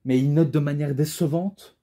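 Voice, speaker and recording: A man's voice: a little high, steady tone, normal speed, warm tone. A man giving a rambling, casual spoken review who gets carried away as he talks, with an imposing voice. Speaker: wrestling DVD reviewer.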